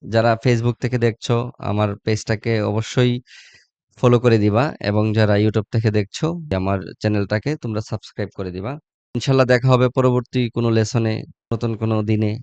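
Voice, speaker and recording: Man drilling letter sounds slowly. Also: fairly low pitch, little pitch movement, a little mellow, no room sound. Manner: slow, repeats each letter sound, checks in with "হ্যাঁ?". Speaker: English pronunciation teacher. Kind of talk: explaining letter sounds in Bengali. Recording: dry muffled sound.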